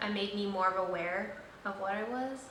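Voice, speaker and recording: In this casual vlog chat, the young woman host talks fairly quickly at a medium pitch, wandering from point to point and filling gaps with filler words. Faint noise, an echoey room, and a slightly distant mic shape the recording.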